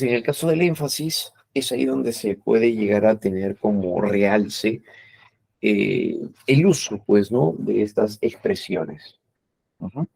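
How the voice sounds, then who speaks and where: A low, gravelly-voiced man lecturing as a teacher. He explains patiently, with a husky, dark tone. The sound is dry and close. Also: dry recording. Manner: explains patiently with frequent "¿no?" and "eh" tags.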